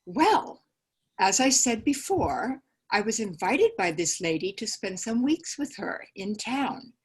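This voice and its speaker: A woman reading the part of a cool, composed genteel older lady who lectures in a measured, prim way, over a video call. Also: mid-range voice, big pitch swings, husky, full character voice.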